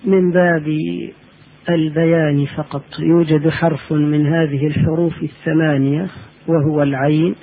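A man giving a religious lesson on Quran recitation, explaining slowly and chanting the letters in drawn-out tones. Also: fairly high pitch, gravelly. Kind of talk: religious lecture. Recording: tinny phone-like lo-fi audio.

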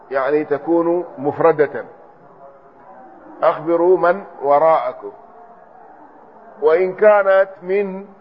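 A man's voice: fairly high pitch, a little hiss or hum. A man giving a classroom lecture as a religious teacher, methodically explaining a text, spelling out word forms and repeating points as he goes. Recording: dull lo-fi recording.

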